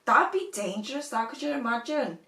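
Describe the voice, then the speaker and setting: A woman's voice: a little high, big pitch swings, a little fast, gravelly, bright, forceful tone. Wry woman co-host, roomy sound. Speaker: podcast co-host. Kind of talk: casual chat. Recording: roomy, from a distance.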